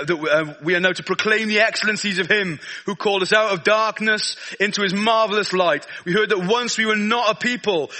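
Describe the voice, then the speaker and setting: A man's voice: high voice, pushed and bright. A man with a South Wales Valleys accent preaching an informal sermon in a chatty, self-deprecating, colloquial way. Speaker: guest preacher.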